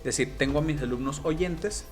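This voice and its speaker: A man's voice: on the high side, moderate pace, over music. A man with a Mexican Spanish accent, a sign language interpreter guest, explaining patiently with examples in casual interview talk.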